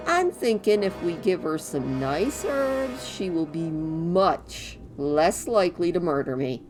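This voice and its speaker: A woman's voice: on the low side, expressive, slow, music in the background, rough recording. A woman voicing a jaunty, blustering little male dwarf adventurer in a theatrical, folksy game-quest manner. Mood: chipper, apologetic. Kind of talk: reading game quest dialogue in character.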